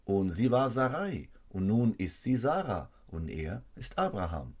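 Husky preacher with lively, surging delivery. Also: male voice, measured pace. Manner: emphatic, with sudden rises in pitch and loudness. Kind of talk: sermon.

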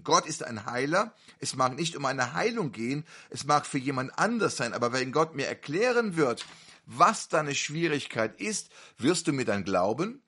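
A man's voice: mid-range voice, sharp tone, husky. A man preaching at a healing service, fervent and repeatedly asking the congregation whether they believe.

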